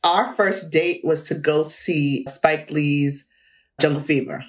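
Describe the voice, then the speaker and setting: Lower-voiced middle-aged woman, laughing storyteller. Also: slow. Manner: laughs often, animated anecdotes. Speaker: interview guest, author. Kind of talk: conversational storytelling.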